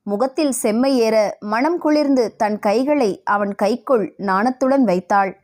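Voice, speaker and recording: Woman reading an audio novel, smooth storytelling voice, kinda high pitched. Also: unhurried, darkish tone. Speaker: radio jockey and audio novel narrator. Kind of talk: scripted audio novel narration.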